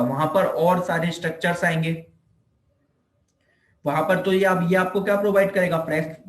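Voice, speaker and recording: An Indian physiotherapy teacher gives an informal explanatory lecture in Hindi peppered with English terms, often circling back over his points. He frequently poses a short question and answers it himself. His voice is a little high, and the room adds clear echo.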